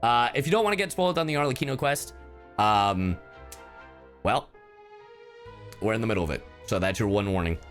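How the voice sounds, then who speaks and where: A streamer who is also a professional voice actor plays a game live, reacting with casual, joking, sweary commentary over faint game music. His fairly low, slightly bright voice is expressive and brisk, broken by long pauses.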